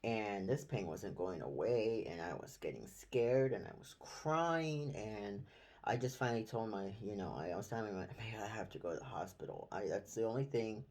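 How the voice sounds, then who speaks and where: A man in a casual personal vlog, telling his own story in a halting, rambling way with many restarts, recorded on a phone indoors. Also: on the low side, darkish tone. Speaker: vlogger. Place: indoor room.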